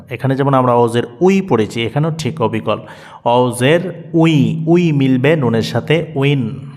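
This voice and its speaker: A man teaching Quran reading in a spoken lesson, patiently repeating letter sounds slowly and drawn out for his students. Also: medium pitch, a little mellow, big-room sound.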